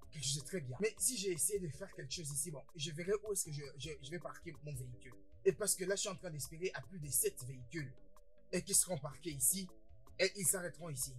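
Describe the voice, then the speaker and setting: An actor dubbing a boastful, excitable older brother in a French-dubbed film, who stammers and repeats words. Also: male voice, fairly high pitch, natural voice. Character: boastful excitable older brother, newly rich, quick-tempered. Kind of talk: French dub of a Nigerian film.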